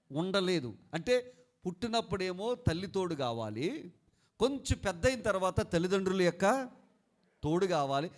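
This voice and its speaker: A man preaching a sermon as pastor, leading the congregation to repeat after him, telling homely stories and asking them questions. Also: high voice. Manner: fervent preaching, leading a congregation in call-and-response and shouted prayer; asks listeners questions and tells homely stories.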